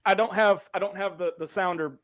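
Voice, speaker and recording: A man's voice: high voice, steady tone, fast, a loud crowd. A man hosting a casual sports talk show, speaking in an opinionated, emphatic way. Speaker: sports podcast host.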